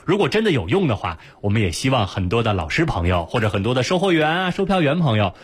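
A man hosting a radio health call-in show, with a quick, announcer-like delivery into a studio microphone. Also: medium pitch, breathy edge. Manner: fast, lively announcer delivery.

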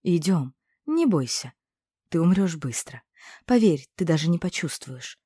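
Smug witch in red, commanding and coldly soothing, mellow low voice, read by a woman narrator. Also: very animated, a little slow, breathy edge, no room sound, studio quality, exaggerated voice. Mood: falsely gentle.

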